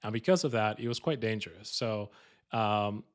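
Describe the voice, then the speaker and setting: A Colombian man with a Colombian Spanish accent hosts a podcast, sounding upbeat, joking and casual, with lots of fillers. His voice is lowish and his pace moderate.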